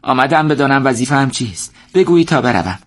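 A man voicing an earnest, determined young man who speaks with quiet urgency. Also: medium pitch, lively intonation, voice pushed up.

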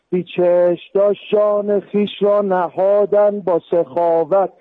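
A man from Tehran chants a rhyming poem down a dry, narrow phone line. His voice is fairly high, and each line rolls out in a steady sing-song beat that lands on the rhyme. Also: no echo. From Tehran, Iran. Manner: sing-song, rhythmic, ending lines on rhymes. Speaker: radio call-in listener.

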